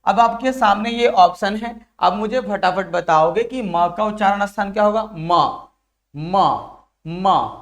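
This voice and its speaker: High-voiced Hindi grammar teacher drilling students. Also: male voice, normal speed, few pauses. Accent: Bihari Hindi. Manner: drills students with repeated questions and answers; addresses viewers as dear children. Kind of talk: exam-prep lesson.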